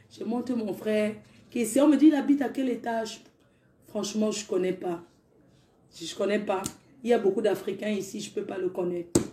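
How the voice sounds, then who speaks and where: A woman casually telling a personal story, animated and speaking directly to her listeners. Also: fairly high pitch. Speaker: storyteller vlogger. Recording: echoey room.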